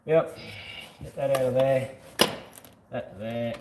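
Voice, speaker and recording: A man's voice: mid-range voice, slow. A man chatting casually to viewers in laid-back, jokey slang as he works on a car. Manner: laid-back, slangy, jokey, talks to himself while working. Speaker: amateur mechanic vlogger. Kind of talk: casual hands-on car vlog chat to viewers. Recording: echoey, noisy workspace with clanking.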